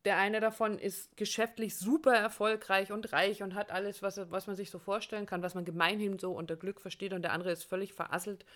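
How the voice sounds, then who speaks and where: A woman co-hosting a coaching podcast, speaking directly to the listener in a warm, encouraging way. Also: mid-range voice, flat delivery, brisk, few pauses. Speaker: co-host, relationship coach. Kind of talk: conversational podcast talk.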